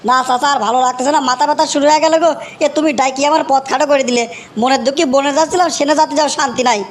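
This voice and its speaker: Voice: sits high, steady tone, rapid-fire, slight background noise, natural voice. A performer voicing an exasperated young village nephew in a comic cartoon, whining and repeating complaints. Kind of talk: comic cartoon dialogue, rustic dialect.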